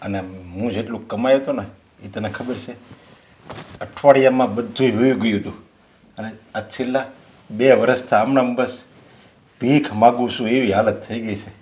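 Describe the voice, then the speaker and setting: An actor playing a middle-aged father ruined by gambling, who swings from quiet pleading to angry shouting. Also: fairly even intonation, normal speed, long pauses, natural voice. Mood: regretful. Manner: pleading low, then shouting angrily. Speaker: father who gambled away his money. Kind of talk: Gujarati short-film acting.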